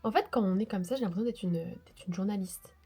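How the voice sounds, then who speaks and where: Sick with a cold, this woman chats through a casual vlog in a nasal, husky voice, wandering off with jokes at her own expense. She speaks quickly in a mid-range pitch with a dark tone, recorded on a phone via lapel mic.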